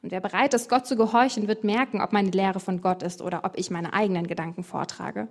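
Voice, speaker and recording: A woman's voice: mid-range voice, steady tone, fast talker, natural voice. A woman voicing an earnest male preacher figure, speaking emphatically in a declaiming way. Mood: earnest, insistent.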